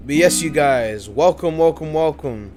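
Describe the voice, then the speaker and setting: Late at night from his home in the UK, a tired but hyped man commentates a live-streamed game event, repeating himself a lot and constantly saying "you guys." His voice is fairly high and animated, slow-paced, with background noise.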